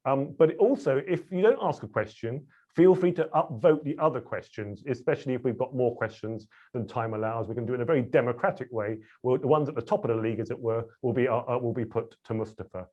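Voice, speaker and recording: A man's voice: medium pitch, fast, hardly any pauses, darkish tone. A man hosting a webinar, chatty and a little self-deprecating, with frequent fillers. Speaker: webinar host. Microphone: video call. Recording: dull lo-fi video call audio.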